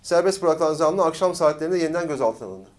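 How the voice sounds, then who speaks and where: Fast-reading male news co-host. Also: fairly high pitch, lively intonation, darkish tone. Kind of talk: read-out news report.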